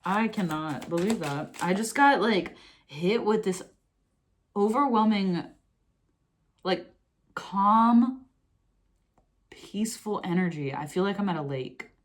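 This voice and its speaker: A young woman giving a casual tarot reading, excitable and gushing, often breaking into laughter. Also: medium pitch, slow, long pauses. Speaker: tarot reader.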